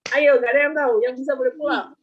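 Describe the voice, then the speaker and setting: A woman's voice: sits high, steady tone, rapid-fire, breathy edge, highs cut off. A woman with an Indonesian accent teaching English vocabulary in an online class, quizzing her students and acting out example lines.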